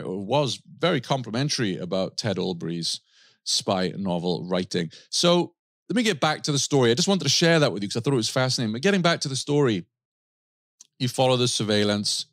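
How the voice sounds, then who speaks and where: A man's voice: lowish voice, no echo, clean studio sound. A man hosting a podcast, giving a casual, enthusiastic book review with frequent restarts. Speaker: podcast host.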